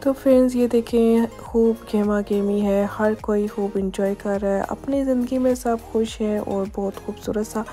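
A woman narrates her evening walk through old city streets for her vlog, filming on a phone as she strolls. Her voice is mellow and fairly level, with soft music playing underneath. She chats along, pointing out each sight as she reaches it. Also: mid-range voice, fairly even intonation, moderate pace, few pauses. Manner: chatty, repeats "ye dekhiye" while pointing things out. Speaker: travel vlogger. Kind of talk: casual walking-tour narration. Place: outdoors on city streets at dusk.

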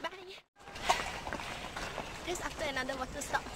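Out on a night race route, a young adult woman vlogs her run, speaking a little slowly in a very high voice. Her casual chat comes in short, breathless, excitable bursts, captured by a phone at arm's length. The on-the-move recording picks up loud, clear outdoor noise.

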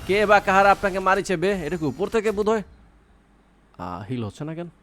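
A man's voice: sits high, animated, normal speed, a bit bright. A young man giving casual, playful commentary while playing a mobile shooter, teasing his opponents and coaching his teammates. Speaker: mobile game streamer.

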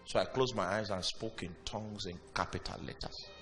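A man preaching a sermon with dramatic pauses and sudden loud bursts. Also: on the low side, fairly even intonation. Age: young adult or older. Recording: reverberant hall with music behind.

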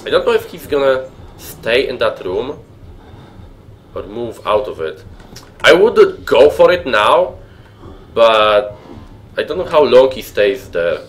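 This young man from Poland has a medium-pitched, very animated voice, speaking slowly and pausing often. He's commenting on a horror game he's streaming from a room at home, talking with his chat and nervously muttering.

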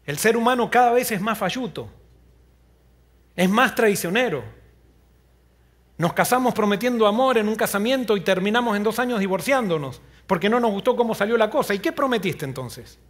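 A man preaching a sermon as pastor, retelling a story earnestly and often dropping to a low, quiet voice. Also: lively intonation, normal speed. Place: church.

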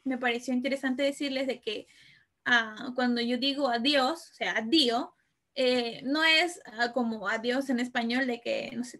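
A Peruvian woman lectures informally on Italian customs, explaining patiently with plenty of fillers and tagging her sentences with "¿no?" for the audience. Her voice is high-pitched and sharp.

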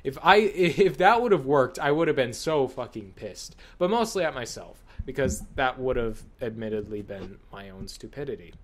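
A man's voice: mid-range voice, animated, normal speed, few pauses. A man giving casual, exasperated, sweary commentary while he plays a horror video game. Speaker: gamer commentating on own play.

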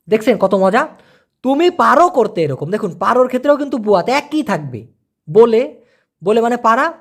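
Teacher going over basics for beginners, says each word twice nice and slow. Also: mid-range voice. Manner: repeats words slowly for learners. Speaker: Malay language teacher. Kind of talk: beginner language lesson.

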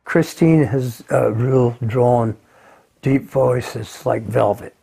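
A man, a record producer, telling studio anecdotes in a relaxed storytelling way. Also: medium pitch, slow, vocal fry, breathy edge. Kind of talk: interview anecdotes.

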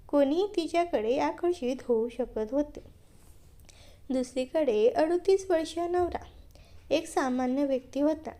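Brief: woman storyteller, high voice, mellow tone, steady scripted read.

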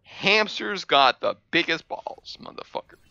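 A man gives gameplay commentary in an excitable rush of swearing and squeals. His voice leaps around in a lively, sharply bright register, though he often lingers and drawls between bursts. The recording is dry and slightly dull, lo-fi. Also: on the high side, unhurried, no room sound. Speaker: gaming video creator.

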